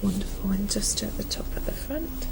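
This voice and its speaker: A woman doing a whispered role-play as a gentle, calm nurse, speaking in a soft, breathy half-whisper with a reassuring manner. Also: medium pitch, moderate pace, poor audio. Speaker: ASMR performer playing a nurse.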